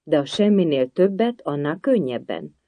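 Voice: medium pitch, very animated, dark tone, no echo, natural voice. A storybook reader voicing a bored, wisecracking hare who teases everyone. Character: bored, teasing, sly hare.

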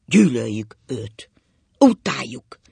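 Man doing agitated middle-aged father, shrill cracking shouts, husky, dry close sound. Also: very animated, no echo, heavily acted. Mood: shouting.

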